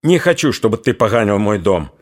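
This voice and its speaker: Stern old Cossack patriarch, firm and commanding, voice raised high , as the narrator puts him on. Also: male voice, big pitch swings, a little fast. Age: older.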